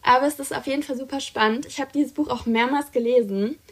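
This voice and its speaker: Talking fast, this young podcast co-host presents books she adores in an eager, chatty way full of fillers. Her pitch sits high and her intonation stays fairly even throughout the casual conversation.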